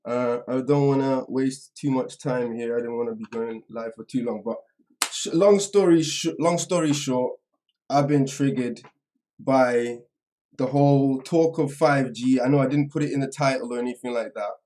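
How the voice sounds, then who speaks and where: With slight background noise and the mic a little way off, a livestream host chats to viewers in a slangy, informal manner. His voice is warm and medium in pitch, and his speech is halting and distracted, often trailing away mid-sentence.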